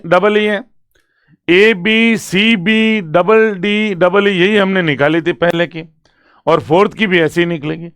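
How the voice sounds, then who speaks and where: A male literature teacher who explains a poem's structure in Hindi. He reads the lines slowly and with stress, then breaks them down for exam students and keeps asking whether they follow. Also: sits high, fairly bright tone, clean tone, no echo. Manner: asks students check questions, writes on a board. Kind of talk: exam-prep poetry lecture mixing Hindi and English.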